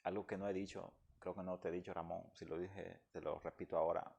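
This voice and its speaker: A man's voice: sits low, little pitch movement, a little fast, gravelly, mellow, husky, dull audio. A man from the Dominican Republic, speaking as a guest and giving an emotional personal testimony in an earnest, heartfelt way.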